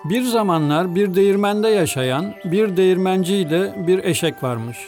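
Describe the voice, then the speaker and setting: High-voiced man reading a storybook. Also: animated, moderate pace, darkish tone, soft background music. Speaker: storybook reader. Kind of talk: storybook narration.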